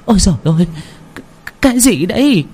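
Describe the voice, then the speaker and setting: A man's voice: high-pitched, expressive, a little fast, mellow, a little hiss or hum, pitched above the performer's own voice. A man voicing an old mother who shrieks and scolds her grown son in a told ghost story. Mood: startled. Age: older.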